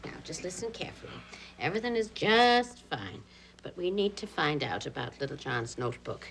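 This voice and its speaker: Soft coaxing woman, low voice, singsong lilt. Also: very animated, brisk, gravelly, slight background noise, heavily acted. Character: woman coaxing a small child, patient and tender. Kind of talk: 1980s daytime soap acting.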